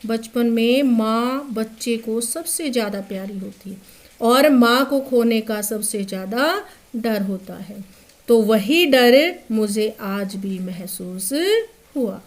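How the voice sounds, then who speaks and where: Slow, high-voiced teacher woman. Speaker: English teacher. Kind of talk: bilingual poetry lesson.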